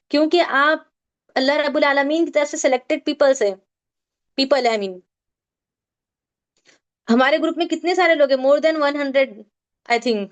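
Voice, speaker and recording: Over a video call, a female tajweed teacher with a high voice runs an online recitation lesson. She breaks the pronunciation rules down one step at a time, constantly prompting her students to give answers.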